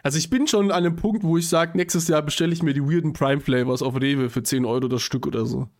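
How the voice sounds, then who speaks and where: A man's voice: on the high side, quick pace. A young man co-hosting a podcast, telling a story in a rambling, self-correcting way with lots of slang and frequent laughter. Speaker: podcast co-host. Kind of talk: casual chat.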